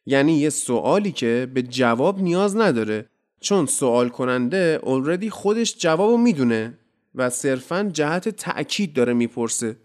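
A man teaching English in a casual podcast lesson. He explains in a friendly, chatty way and says each example sentence slowly and deliberately. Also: mid-range voice, animated, a little mellow.

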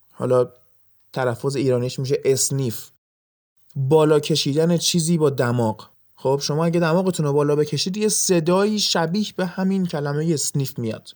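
A man hosting an educational podcast, narrating from a script in a lively way and acting out sound words as he explains. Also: on the high side. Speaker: podcast host.

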